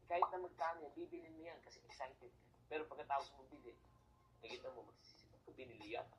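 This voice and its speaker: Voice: medium pitch, fast talker, fairly bright tone, slight background noise, low-quality recording. A motivational speaker with a Filipino accent, switching between Tagalog and English, asking rhetorical questions and then answering them. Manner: checks in with the listener as if chatting. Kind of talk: motivational talk.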